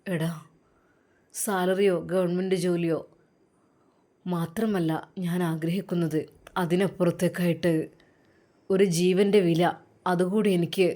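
A woman voicing an earnest young man who speaks in a low, quiet, solemn way about leaving home. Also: steady tone, a little slow, long pauses, close to an everyday voice.

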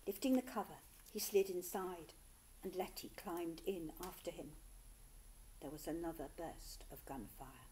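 Mellow-voiced woman reading a storybook. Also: lowish voice, a little slow, slight background noise, low-quality recording. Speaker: children's author. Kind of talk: reading her own book aloud.

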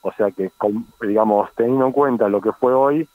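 A man's voice: lowish voice, moderate pace, no room sound. Argentine weatherman on a phone-like line. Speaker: weather forecaster. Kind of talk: conversational weather report. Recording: thin, phone-like radio call.

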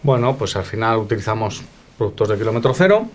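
A young adult man, a chef, calmly explaining how his restaurant works, in a casual, filler-laced way, in a dining room. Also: fairly low pitch, fast. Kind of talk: casual interview answers.

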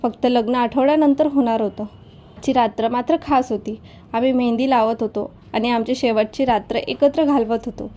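A woman narrates a heartfelt story in the first person. Her voice sits high with a mellow, soft tone. She reads steadily and evenly. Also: moderate pace.

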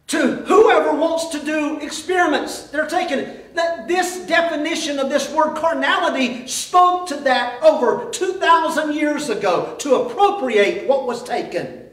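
In a small church, an older man delivers an animated sermon, gesturing as he speeds up and then sinks to a hush to drive points home. The sound is distant and echoey, coming from a faraway camera with no mic in sight.

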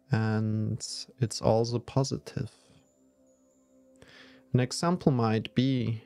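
A man guides a yoga nidra meditation, speaking soothingly and deliberately with long pauses. His voice sits in the middle range and has a slightly mellow quality.

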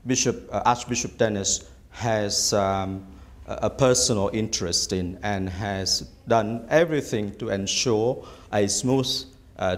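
In a small indoor office, a middle-aged Vietnamese bishop-elect, a first-language Vietnamese speaker, offers measured answers to an interviewer. His voice is lowish, and he frequently hesitates with "uh."

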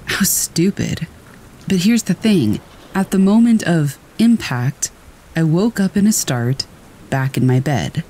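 A narrator reading first-person horror stories aloud in a steady storytelling manner. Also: mid-range voice, slow, rough recording.

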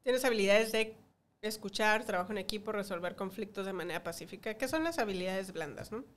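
A woman's voice: mid-range voice, lively intonation, brisk. A woman co-hosting a podcast, chatting casually and prompting her co-host with questions. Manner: prompts and teases her co-host, laughs often. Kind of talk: casual chat.

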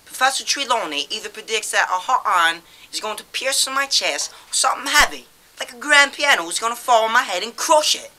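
An earnest young boy wizard, played by a woman, telling his tale in a bouncy, lively voice. The tone is bright and a little high. The telling is animated and plain. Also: a little fast, hardly any pauses.

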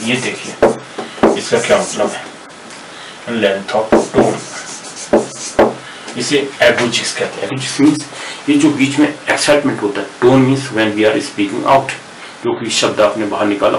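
An older man with an Indian English accent, a professor giving a lecture on word roots in a mix of Hindi and English. He explains patiently, repeating words and spelling them out. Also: lowish voice. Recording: echoey room, distant mic, noisy.

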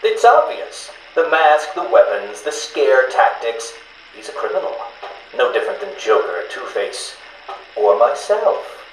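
The Riddler on cassette tape. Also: male voice, medium pitch, sing-song, measured pace. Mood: contemptuous. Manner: condescending, mocking, theatrical. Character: smug, arrogant adult male riddle-obsessed villain. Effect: played back from a cassette interview tape. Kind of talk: video game voice acting. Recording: roomy, faintly hissy tape recording.

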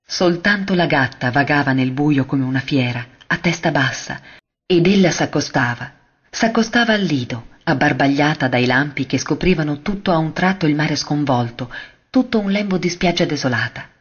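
Male narrator for a classic story reading: husky, mid-pitched, measured, dull lo-fi sound. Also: animated. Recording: dull lo-fi recording.

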